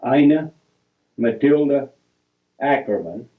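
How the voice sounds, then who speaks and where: An older man talks through old family photos at an unhurried, plodding pace, stopping between names and dates and fixing his own slips along the way. His voice sits at an ordinary middle pitch, and the sound is thin and boxy, as if it came over a phone line. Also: lively intonation. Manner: halting, reads dates piece by piece, corrects himself. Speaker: family storyteller. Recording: tinny, phone-like recording.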